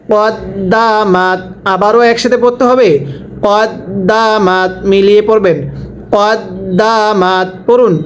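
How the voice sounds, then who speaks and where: A man teaching Quran reading, spelling out letters and vowel marks and then slowly drawing out each joined word for his students to repeat. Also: high voice, a little hiss or hum, rough recording. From Bangladesh. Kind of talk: slow call-and-repeat recitation lesson.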